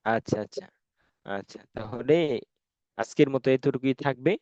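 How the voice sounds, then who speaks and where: A man teaching Quran reading in an online class, drilling sounds slowly and answering his own questions. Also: mid-range voice, a little mellow, no room sound. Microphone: online call. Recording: dull, dry online class audio.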